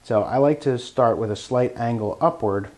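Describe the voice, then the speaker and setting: This woodworking show host has a medium-pitched, darkish voice and speaks at a moderate pace. Working with hand tools in his shop, he demonstrates them hands-on and explains in a straightforward way while he works.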